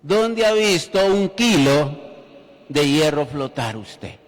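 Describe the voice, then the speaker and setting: A man's voice: a little high, very animated, slow. A man preaching a sermon in church, telling the story with humor and speaking directly to the congregation. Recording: reverberant church hall.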